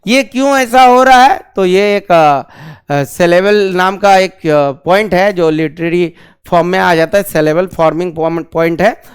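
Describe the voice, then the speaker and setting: A man teaches a grammar class, often putting questions to his students and repeating the key terms. His voice sits high and sounds smooth and resonant. He drills the terms slowly, again and again.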